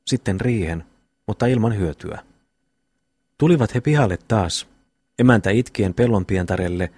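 A man reads a classic novel aloud in a measured, even storytelling manner. His voice sits low with a husky edge. The recording is close and dry. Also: dry recording. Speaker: audiobook reader. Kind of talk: scripted narration of a classic novel.

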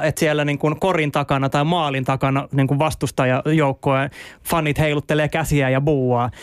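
A man's voice: fairly high pitch, smooth, no echo, clean studio sound. A man hosting a radio talk show and asking his guests follow-up questions. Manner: inquisitive, asks follow-up questions. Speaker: radio host. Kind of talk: interviewing.

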